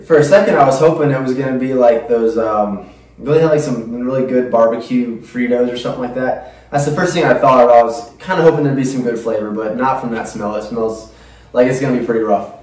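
A man's voice: medium pitch, fairly quick, darkish tone. A young man casually presenting to camera as the host of a food challenge show. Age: young adult. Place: small indoor room, seated at table. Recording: echoey room, distant microphone.

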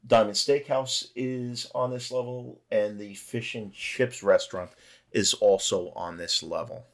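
A middle-aged man giving a relaxed, conversational voice-over narration for a cruise ship tour vlog. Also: lowish voice, unhurried, vocal fry. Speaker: travel vlogger.

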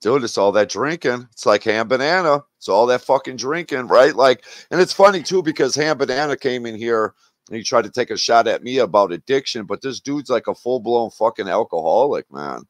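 A man's voice: mid-range voice, expressive, a little fast, no echo. A man hosting a casual livestream chat, talking in a blunt, profane and mocking way. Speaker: livestream host.

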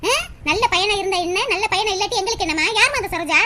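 A woman voicing a proud, sharp-tongued village mother in a cartoon. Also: very high voice, animated, background noise. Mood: angry. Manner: scolding, haughty and rapid. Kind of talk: cartoon voice acting.

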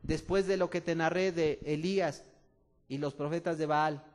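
A male preacher with a Mexican accent delivers an impassioned sermon in a fairly high voice. He drops to soft, intimate asides and then rises to loud, urgent appeals. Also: steady tone, moderate pace. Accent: Mexican Spanish. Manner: addresses listeners as "amado".

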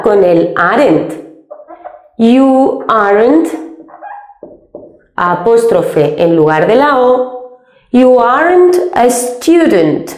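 A woman from Spain teaching English grammar step by step, slowly and patiently spelling out each example. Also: a little high, darkish tone, reverberant. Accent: Spain Spanish.

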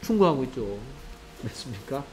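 Speaking at a medium pitch and very animated, a male English teacher walks his class through grammar, giving each phrase in English followed by Korean. He keeps asking quick questions to confirm they understand. The low-quality recording carries a little hiss or hum.

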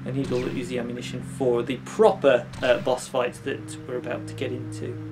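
Over game music, a gaming video host in his thirties delivers casual, jokey playthrough commentary in a brisk, mid-range voice. He's animated and often talks directly to the game's characters.

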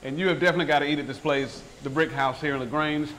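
Sitting at a restaurant table for a local TV food segment, a male host tastes dishes and gushes over them in effusive, chatty enthusiasm. His voice is fairly high and a bit bright, steady in tone, and he talks rapid-fire. The low-quality recording carries a little hiss or hum.

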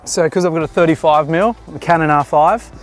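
Out on a beach jetty, a man in his thirties with a higher-leaning voice talks a bit quickly, giving a model directions and casually explaining his photos. Faint music plays behind this casual behind-the-scenes commentary.

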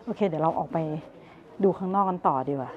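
A woman's voice: fairly low pitch, fast, crowd noise. A woman in her thirties chatting to viewers as she tastes snacks and browses a market, filmed outdoors at arm's length. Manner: chatty, tasting and commenting, talks to viewers. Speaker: travel vlogger. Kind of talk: casual food and market vlog. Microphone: handheld camera at arm's length. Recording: muffled outdoor recording with street noise.

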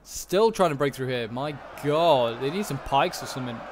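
A gaming commentator offers casual, think-aloud remarks while watching a strategy game battle, his mid-range voice lively in intonation and moderate in pace. Video game battle ambience creates noticeable background noise.

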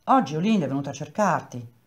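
A woman voicing an anxious, tender young working-class wife who questions her husband gently. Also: deep voice, expressive, fast talker.

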